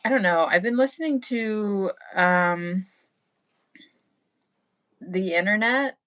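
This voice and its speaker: A young woman crocheting on a livestream, chatting in a hesitant, low-key way with short replies. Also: takes it slowly, fairly bright tone. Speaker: knitting and crochet creator, guest co-host. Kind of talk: casual livestream chat while crocheting.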